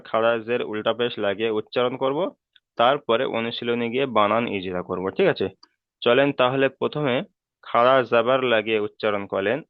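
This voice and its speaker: A man's voice: mid-range voice, clear, resonant tone, no room sound. A man teaching Quran letter pronunciation in an online class, patiently drilling each letter and often checking that students follow. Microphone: online call. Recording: dry, phone-like call audio.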